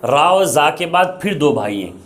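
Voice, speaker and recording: A man's voice: a little high, big pitch swings. A young man teaching the Arabic alphabet in Urdu, patiently explaining each letter and repeating its sound.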